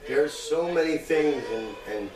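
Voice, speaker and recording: A man's voice: on the high side, unhurried. Rambling man chatting in a roomy space. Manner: rambling storyteller, many restarts. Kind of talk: casual chat. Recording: roomy distant mic with music.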